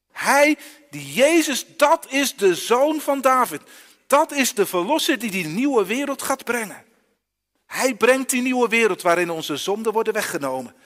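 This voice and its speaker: A man's voice: high voice, a bit bright, long reverb tail. A man preaching a children's sermon in a church, often asking the listeners direct questions.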